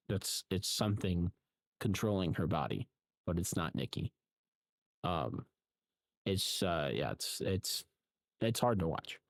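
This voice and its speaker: A man's voice: deep voice, no room sound. A man recapping a film casually, rambling with frequent ums and restarts. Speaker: film reviewer.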